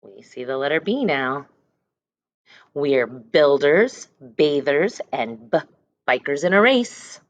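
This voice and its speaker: With a low-sitting, animated voice, a woman teacher reads slowly from a picture book to a class of young children. She emphasizes words and letter sounds and pauses to give short explanations. There's no room sound on the recording.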